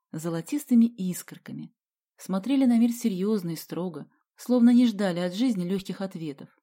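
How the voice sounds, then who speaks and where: Woman, audiobook narration, lively pitch movement, expressive storytelling. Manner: expressive storytelling, slow headings. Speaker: audiobook reader.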